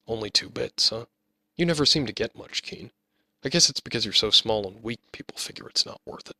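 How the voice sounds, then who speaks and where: A man's voice: medium pitch, lively intonation, brisk, sharp tone, no echo, full character voice. A man voicing a sneering teen bully. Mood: mocking. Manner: mocking, taunting. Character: big sneering fifteen-year-old bully boy.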